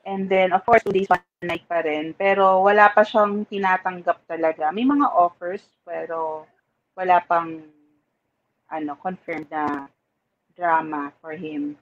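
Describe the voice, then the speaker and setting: A woman's voice: on the low side, steady tone, measured pace, muffled recording, a little hiss or hum. A woman hosting a casual chat, talking easily and mixing Tagalog with English. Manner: chatty, mixes Tagalog and English.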